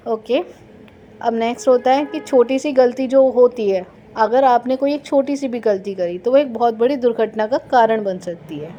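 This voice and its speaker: Mellow-voiced woman teaching a class. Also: a little high. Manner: explains slowly, asks and answers her own quiz questions. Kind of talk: classroom lesson.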